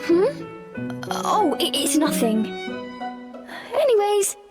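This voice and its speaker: A woman's voice: extremely high pitch, very animated, slow pace, over loud music, heavily acted. A woman voicing a young girl witch, earnest and a little shy, in a storybook game.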